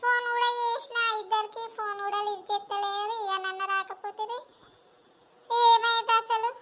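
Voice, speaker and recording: A woman playing a shrill scheming village mother-in-law. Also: level tone, moderate pace. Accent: Telangana Telugu. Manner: loud, scolding and complaining. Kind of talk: village comedy skit acting.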